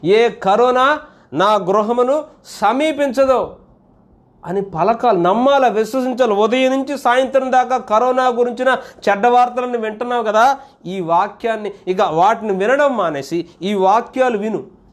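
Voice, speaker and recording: Preacher, man with a high voice, earnest sermon, slows down to recite verses and drops in english phrases. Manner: urges listeners to recite scripture, slowing for quoted verses. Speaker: pastor.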